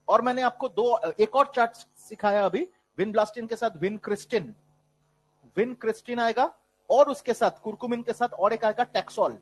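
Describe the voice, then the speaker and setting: High-voiced male biology teacher. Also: rough recording. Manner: mixes Hindi and English, calls students "beta". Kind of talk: online class lecture.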